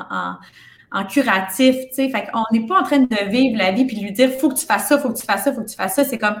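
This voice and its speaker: A woman's voice: on the high side, roomy sound. A young woman with a Quebec French accent, chatting casually in an interview as a kinesiologist, with many fillers and restarts. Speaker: kinesiologist and business owner.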